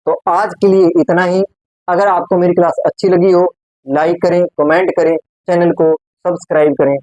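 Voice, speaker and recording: A man's voice: high-pitched, little pitch movement, normal speed, dark tone, no echo, rough recording. A man teaching Hindi grammar in a classroom, speaking with a Rajasthani Hindi accent. He repeats each word and keeps asking rhetorical questions to check that his students follow. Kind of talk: classroom lecture.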